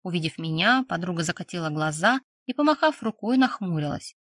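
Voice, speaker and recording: A woman narrating a first-person story aloud, reading in a lively, expressive way. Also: on the low side, fairly quick, no room sound, clean studio sound. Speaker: audiobook narrator.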